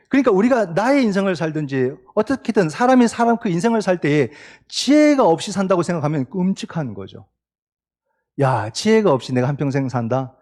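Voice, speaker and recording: A man preaching a sermon as pastor, talking conversationally and asking the congregation rhetorical questions, swinging between loud emphatic peaks and quiet low asides.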